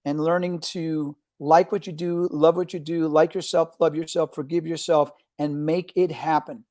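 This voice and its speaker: A middle-aged man from Argentina speaks in a fairly high voice. His delivery is energetic, and he keeps restarting and repeating words as an interview guest. The sound is dry and close. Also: normal speed, no room sound. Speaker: guest film director. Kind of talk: casual interview talk.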